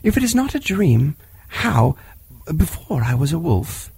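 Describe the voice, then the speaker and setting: A man voicing an eager, bold boy raised by wolves, speaking earnestly with a husky voice. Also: on the high side, a little slow, no room sound, voice pushed up, heavily acted. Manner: earnest and excited.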